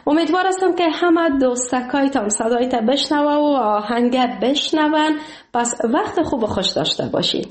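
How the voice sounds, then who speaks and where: A woman with an Afghan Dari accent hosting a radio call-in show, courteous and full of praise for her callers. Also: high voice. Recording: echoey studio sound.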